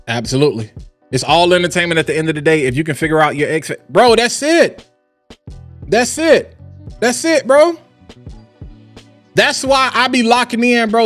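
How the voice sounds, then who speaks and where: A man hosting a livestream, ranting in an animated, hyped way that swings from loud to low and calm. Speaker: livestream host. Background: faint background music.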